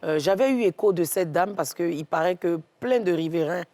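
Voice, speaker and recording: A woman with an Ivorian French accent, a guest on a TV talk show, telling a story in a lively way and acting out what each person said. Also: lowish voice, normal speed. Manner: lively, tells stories in the first person and acts out what each person said. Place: TV studio.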